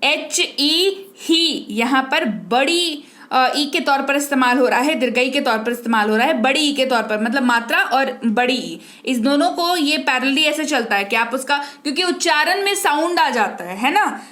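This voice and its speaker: Female teacher, high voice, patient and repetitive, quizzes the learner. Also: expressive, normal speed, few pauses, a bit bright. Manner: patient, repeats and quizzes the viewer. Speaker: English teacher. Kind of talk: spoken language lesson.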